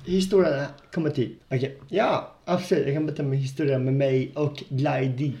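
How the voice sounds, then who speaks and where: A man's voice: mid-range voice, fairly even intonation, gravelly, dark tone, muffled recording. A young man co-hosting a casual podcast among friends, telling a story with laughter and bits of English slang. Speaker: podcast co-host. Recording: roomy echo.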